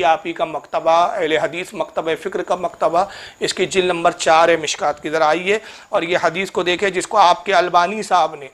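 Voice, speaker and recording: High-pitched guy preaching, scolding a rival cleric, mocking, chants the arabic verses. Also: fairly bright tone. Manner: recites Arabic scripture in a chanting cadence. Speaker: Islamic preacher. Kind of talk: polemical religious talk.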